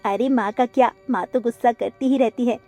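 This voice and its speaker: A woman's voice: on the high side, steady tone, a little fast, warm tone, faint music behind. A woman voicing a young boy sparrow in a cartoon, caring and apologetic toward his sister. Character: gentle young boy sparrow, little brother.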